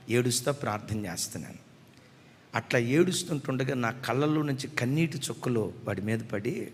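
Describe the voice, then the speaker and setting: A middle-aged man preaching a sermon as a pastor, moving between hushed storytelling and loud, fervent declarations, recorded in a church hall. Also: mid-range voice. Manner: swings from soft tearful storytelling to loud impassioned preaching. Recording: long hall reverb.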